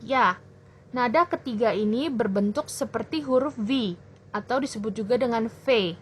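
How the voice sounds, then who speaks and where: A young woman tutoring children in a language lesson, explaining clearly and patiently. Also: a little high, a little hiss or hum. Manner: slow, clear teacherly explaining. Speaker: Mandarin tutor.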